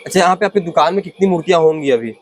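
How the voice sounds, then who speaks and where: A man's voice: a little high, animated, very fast, a little hiss or hum. A male local reporter interviewing an idol maker in his workshop. He prompts the maker with questions and sums up the answers for viewers. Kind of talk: field interview.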